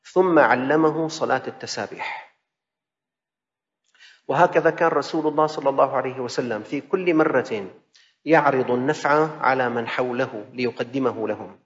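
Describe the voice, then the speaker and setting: A man's voice: mid-range voice, normal speed. A male preacher, delivering a sermon in rhythmic, repetitive phrases and slipping from classical into colloquial asides. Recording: dull sound in a reverberant hall.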